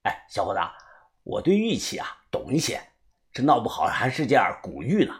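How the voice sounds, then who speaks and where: A man voicing a fussy retired old man who collects jade, with a Beijing accent, speaking lower and quieter. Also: wildly swooping pitch, normal speed. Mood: wheedling.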